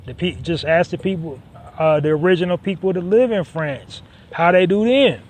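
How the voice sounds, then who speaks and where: A man talking through his solo podcast, his voice sitting a bit higher than most men's. He speaks conversationally, repeats his points for weight and fills his pauses with "um", with a faint hiss of noise underneath. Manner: conversational, emphatic repetition, frequent "um" fillers. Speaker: podcast host.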